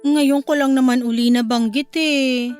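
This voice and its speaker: Brief: a desperate, meek mother in a radio play; high-pitched and apologetic. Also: steady tone, unhurried, smooth, faint music behind. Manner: meek and apologetic, then crying and shouting. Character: desperate mother working as assistant, pleading. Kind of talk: radio drama acting.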